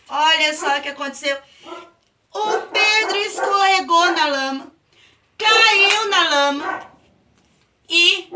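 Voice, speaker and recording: A woman telling a children's Bible story slowly and with drawn-out emphasis, her voice very high and bright. She sounds set back from the microphone. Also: distant mic, slight background noise.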